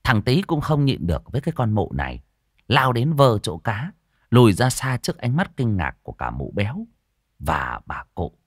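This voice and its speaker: Expressive male storyteller, lively pitch. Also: normal speed, no room sound, clean studio sound. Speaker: audiobook narrator. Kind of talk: storytelling narration.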